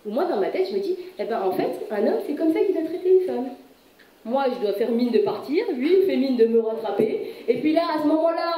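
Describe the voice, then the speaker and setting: A woman psychologist giving a conference talk, animated and acting out little everyday scenes. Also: sits high, a little fast, recorded from a distance. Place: conference hall. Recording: roomy echo, voice heard from afar.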